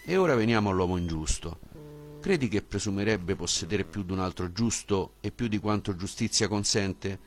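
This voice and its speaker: A man reading a philosophical dialogue as an audiobook, with a measured, questioning delivery. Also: fairly low pitch, lively intonation, slight background noise. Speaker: audiobook reader.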